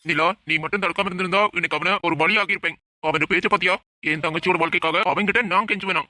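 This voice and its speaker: A hot-headed young lover from a homemade audio drama, voiced by a man. He rattles off his lines at high speed in a bright, forceful tone. The sound is dry and close. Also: steady tone, no echo. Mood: enraged. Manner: heated, rapid-fire threats. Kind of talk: amateur audio drama acting.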